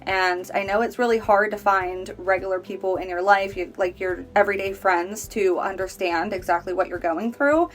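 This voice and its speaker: Here a woman in her late twenties who survived cancer gives a personal testimonial, earnest and conversational, looking straight at her viewers. Her mid-range voice moves at normal speed with fairly even intonation and few pauses.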